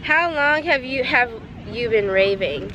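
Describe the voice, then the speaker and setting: A woman's voice: on the high side, animated, measured pace, lo-fi sound. A young American woman with a rowdy party-girl manner, chatting casually in blunt, slangy, sweary talk for a Q&A. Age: young adult. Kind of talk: casual Q&A chat. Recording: noisy outdoor ambience.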